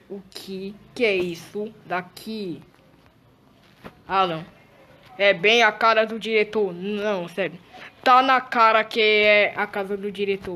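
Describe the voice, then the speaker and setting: A woman narrating her way through a game role-play in a mid-pitched voice. She is excitable, gasping and repeating her exclamations. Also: a little hiss or hum.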